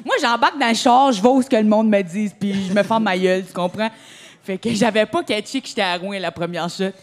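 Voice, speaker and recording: Acadian woman, New Brunswick accent, relaxed joking podcast guest. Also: medium pitch, brisk. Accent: Acadian French from New Brunswick. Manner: laid-back, joking, slangy. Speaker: comedian guest. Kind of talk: casual chat on a live podcast.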